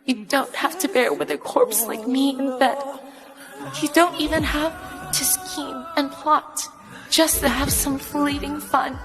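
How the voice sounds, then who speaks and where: A woman voicing a heartbroken young wife who speaks softly in a dubbed drama voice-over. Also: sits high, slow, over music. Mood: grieving. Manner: soft, sorrowful.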